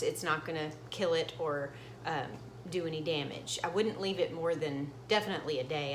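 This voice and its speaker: A woman's voice: sits low, fairly bright tone, roomy sound, a little hiss or hum. A middle-aged woman hosting her own cooking channel in her home kitchen, casually talking through each step as she demonstrates it. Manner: chatty, explains each step as she goes.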